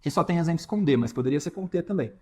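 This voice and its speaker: A man's voice: a little high, expressive, fast, darkish tone. A man teaching an English pronunciation lesson, explaining step by step and asking the viewer questions.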